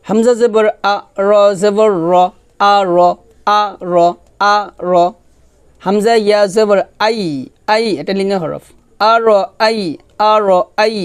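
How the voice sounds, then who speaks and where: A man leads a recitation lesson in a smooth, clear voice, spelling every syllable so students can repeat after him. He stretches the verses into a slow, measured chant, then drops into quick, plain explanation. The sound is close and dry. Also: sits high, no room sound. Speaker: Quran recitation teacher.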